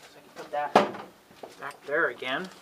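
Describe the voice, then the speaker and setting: A man with a fairly high, steady voice at normal speed hosts a casual hands-on antenna assembly video. He rambles in a folksy way, muttering to himself, often clearing his throat and letting slip mild exasperated cusses. Clicks and noise fill the homemade recording.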